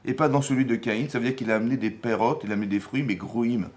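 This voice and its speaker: Man, rabbi teaching a Torah class, lively voice that rises and falls, rhetorical questions, acted-out dialogue. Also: medium pitch, quick pace. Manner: animated, acts out quoted dialogue, rhetorical questions. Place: Paris community hall.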